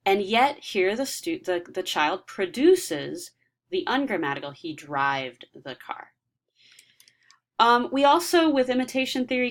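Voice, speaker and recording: A woman giving a recorded lecture, explaining ideas step by step with frequent ums and restarts. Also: medium pitch.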